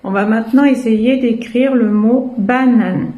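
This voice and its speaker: A woman's voice: a little high, a little slow, mellow, muffled recording. A French woman, a kindergarten teacher, patiently explaining how children learn to write words, sounding out syllables and letters one by one. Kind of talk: slow step-by-step teaching explanation.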